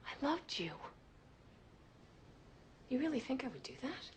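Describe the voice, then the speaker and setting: A woman's voice: on the low side, normal speed, vocal fry, darkish tone, a little hiss or hum. An actress playing a hurt woman confronting a former lover, pressing hard and often slipping into a whisper. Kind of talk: TV crime drama acting.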